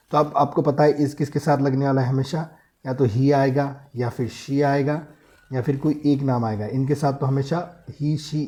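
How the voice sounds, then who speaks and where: Male grammar teacher, mellow tone, patient drilling with rhetorical questions, screen lesson. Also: mid-range voice. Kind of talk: explaining grammar step by step while writing on a tablet.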